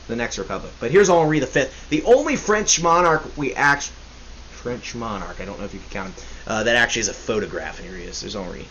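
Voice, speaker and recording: A man's voice: mid-range voice, expressive, fast talker, a bit bright, lo-fi sound. A young man hosting a casual history podcast, rambling and joking, often correcting himself. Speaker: podcast host. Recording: faint hiss.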